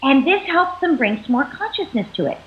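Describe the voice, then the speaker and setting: A woman psychologist explaining parenting as an interview guest, animated and acting out what parents and children say. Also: high-pitched, a little fast. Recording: tinny phone-like line.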